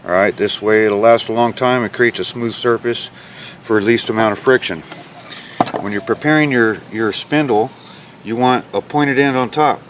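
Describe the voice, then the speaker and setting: A man giving a hands-on how-to demonstration in a plain-spoken, instructional way, often checking in with a quick okay. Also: medium pitch. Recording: clear ambient and handling noise.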